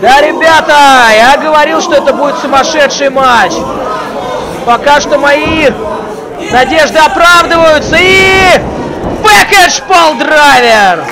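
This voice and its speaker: High-pitched excited male wrestling commentator over crowd. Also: slow, low-quality recording. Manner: shouts out move names, drawing out key words. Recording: crowd noise of a live event. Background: live wrestling crowd.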